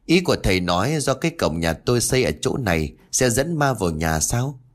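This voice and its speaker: A man voicing a sharp-tongued, angry old village woman who scolds and shouts. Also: mid-range voice, big pitch swings, brisk, lightly acted. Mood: scolding.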